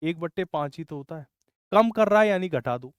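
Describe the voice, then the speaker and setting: A man teaches maths in an online class, talking in a high, smooth and clear voice. He walks through each step and scolds students who get stuck. The sound is dry and close, with no echo. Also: animated, fairly quick, muffled recording. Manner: scolding, explains step by step, says bhai often.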